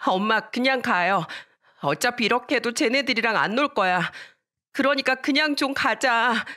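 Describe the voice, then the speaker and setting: A woman voicing an angry, stubborn nine-year-old girl who shouts back defiantly. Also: medium pitch, unhurried. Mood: defiant shouting.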